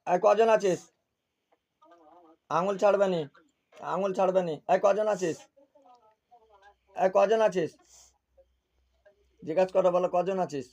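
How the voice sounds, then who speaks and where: A man's voice: sits high, a little slow, gravelly, pauses often, a little mellow. A man working as a spiritual healer, sternly questioning over a video call and repeating short demands.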